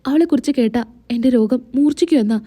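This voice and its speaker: A woman's voice: sits high, quick pace, dark tone. A woman voicing a remorseful middle-aged mother-in-law in a pleading, apologetic way.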